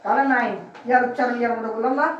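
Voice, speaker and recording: A male teacher giving a classroom grammar lesson. He drills his students with call-and-response questions and is brisk, at times scolding. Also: very high voice, fairly even intonation, fairly bright tone. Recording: roomy, distant, dull lo-fi classroom recording.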